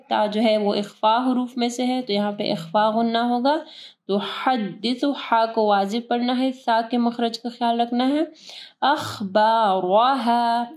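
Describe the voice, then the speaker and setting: A woman teaching Quran recitation rules, explaining each rule patiently and drawing out the words slowly as she recites. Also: fairly high pitch, a little mellow. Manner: patient, repeats words slowly and corrects pronunciation.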